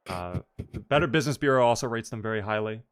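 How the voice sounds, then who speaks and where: A man's voice: lowish voice, expressive, fast, smooth. A man hosting casual esports commentary, chatty and joking as he banters. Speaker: esports match host and commentator.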